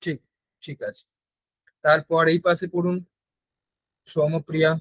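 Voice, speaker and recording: A man with a Bengali accent teaching a Sanskrit class over a video call, patiently repeating words slowly so his students can copy them. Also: a little high, flat delivery, a bit bright, low-quality recording.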